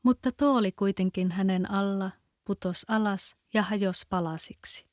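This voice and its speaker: Female narrator, Kven accent, calm storybook reading, mellow tone, dry close sound. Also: mid-range voice, no echo.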